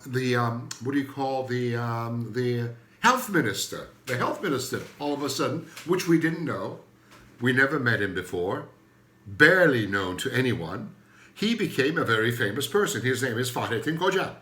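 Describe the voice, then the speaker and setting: An older man from Turkey, a native Turkish speaker with a Turkish accent, hosts a rambling, joking comedy monologue that often loses its thread. His mid-range voice is bright and forceful, and the recording has a roomy sound.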